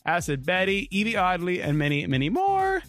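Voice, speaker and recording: A man's voice: high voice, wildly swooping pitch, normal speed, a bit bright, soft background music. A man hosting in a campy, gushing, chatty way, full of playful drag slang. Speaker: podcast host and interviewer. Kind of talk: gushing, chatty event interview and presenting.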